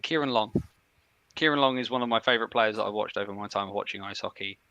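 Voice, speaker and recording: A man's voice: fairly low pitch, pushed and bright, no room sound, lo-fi sound. A man guesting on a podcast, talking casually and with enthusiasm. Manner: enthusiastic, quick plugs. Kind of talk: casual chat.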